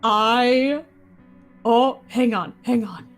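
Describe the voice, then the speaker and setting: A woman voicing a sassy, excitable cartoon bat in a playful comic storybook reading. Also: a little high, extremely slow, faint music behind. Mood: playful, theatrical. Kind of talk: comic live storybook-style reading in character.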